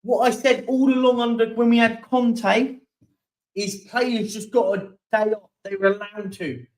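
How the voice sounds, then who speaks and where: A man's voice: very high-pitched, fairly even intonation, unhurried, recorded from a distance, rough recording. A young man hosting a casual live-stream chat, reading out viewer comments and yawning now and then. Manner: chatty, keeps yawning and apologising.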